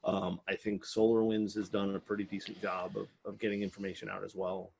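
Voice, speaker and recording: A man's voice: lowish voice, level tone, brisk, gravelly, a little mellow, slight background noise. A man co-hosting a podcast in casual chat, blunt and sarcastic, often repeating words as he starts a thought. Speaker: podcast co-host.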